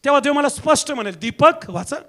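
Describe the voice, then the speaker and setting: A pastor, a man with a strikingly high voice, delivers an impassioned sermon. His calls come in rhythmic repeated phrases, dropping to near hushes and rising to shouts, with a sharp, bright edge to his tone. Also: lively intonation, quick pace. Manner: impassioned preaching, swinging between hushed and shouted lines.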